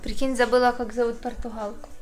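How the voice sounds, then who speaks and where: A woman's voice: on the high side, little pitch movement, quick pace, faint music behind. A woman in her twenties chatting casually as she vlogs into a phone held at arm's length. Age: 20s. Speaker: vlogger. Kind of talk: casual vlog chat.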